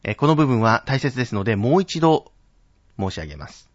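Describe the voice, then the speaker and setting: A man's voice: medium pitch, very animated, a little fast, no room sound, lo-fi sound. A man leading a pronunciation drill as a teacher, carefully enunciating each syllable one at a time.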